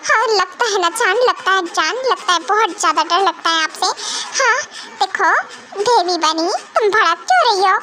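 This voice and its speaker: A young woman voicing a possessive vampire king, very high. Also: moderate pace, sharp tone. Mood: coaxing. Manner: commanding, threatening orders. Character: possessive male vampire king, arrogant and ruthless. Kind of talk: amateur Hindi fan dub. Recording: music playing under the voice.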